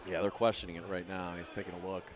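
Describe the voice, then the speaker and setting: A man's voice: deep voice, little pitch movement, racing. Laid-back man, rambling color commentary. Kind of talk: casual commentary chat. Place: on a platform at the event venue.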